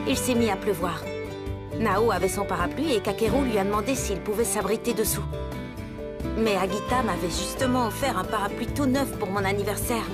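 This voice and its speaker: A woman's voice: mid-range voice, lightly acted. An actress voicing a cheerful, teasing teenage schoolgirl who also narrates, in a French anime dub. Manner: bright and playful in scenes, reflective in narration. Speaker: narrator and lead character. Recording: music playing under the dialogue.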